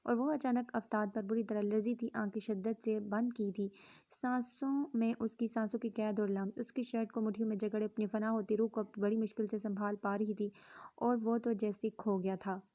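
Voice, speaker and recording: Mellow-voiced woman narrating an audio novel. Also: medium pitch. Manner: even storytelling, mixes in English words.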